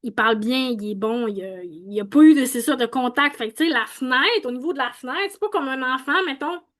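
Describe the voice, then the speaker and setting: A woman's voice: sits high, fairly quick, a bit bright. A young woman with a Quebec French accent, casually explaining vowel sounds and thinking aloud as she goes, with many restarts and fillers. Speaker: host explaining phonetics.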